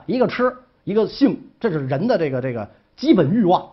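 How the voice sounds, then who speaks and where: A man's voice: sits high, very animated, a little fast, husky, lo-fi sound, exaggerated voice. A man voicing an indulgent, frank ancient duke with a chatty, drawling manner. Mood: candid. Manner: chatty, drawling, says 是吧 a lot.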